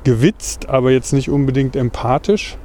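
A man with a mellow, dark voice talks while walking through a foggy park at night, now and then short of breath. He picks his words with care as he explains a big topic. Faint outdoor noise sits behind him. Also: medium pitch, normal speed. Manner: thoughtful, searching for words. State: short of breath, injured rib. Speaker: podcast co-host. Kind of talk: casual conversation.

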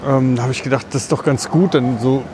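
A man co-hosting a casual podcast, presenting a topic in a halting way while walking outdoors in the city. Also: medium pitch, steady tone. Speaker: podcast co-host. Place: outdoors on a city street along a tram line. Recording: clear street and vehicle noise behind.

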